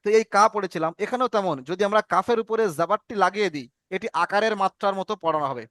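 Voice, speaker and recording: High-voiced man teaching patiently. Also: quick pace, fairly bright tone, dry recording, studio quality. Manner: patient, repeats questions and answers for students. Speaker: Arabic reading teacher. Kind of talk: online class teaching.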